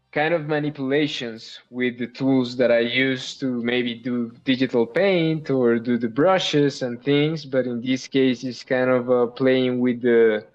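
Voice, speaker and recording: A man chatting as a guest artist in a casual interview, enthusiastic, repeating words and using "like" often. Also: medium pitch. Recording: dull lo-fi with faint music behind.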